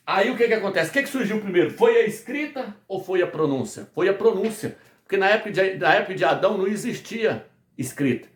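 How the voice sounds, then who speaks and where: A man's voice: high voice, lively intonation, quick pace. A man from Brazil teaching a Bible study as a preacher, who asks rhetorical questions and answers them himself again and again. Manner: repetitive call-and-response questioning. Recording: echoey room.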